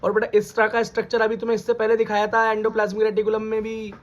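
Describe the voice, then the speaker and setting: A fast-talking man with a high-sitting voice and a completely flat delivery lectures on biology to his class. Calling the students "beta," he asks questions and repeats their answers, and the recording sounds dull and lo-fi.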